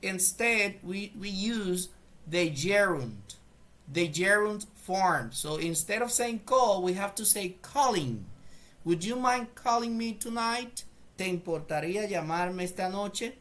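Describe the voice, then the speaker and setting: Man, native Spanish speaker, English teacher, slow and deliberate, repeats phrases, clears throat. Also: sits high, animated, fairly bright tone. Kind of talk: bilingual grammar lesson.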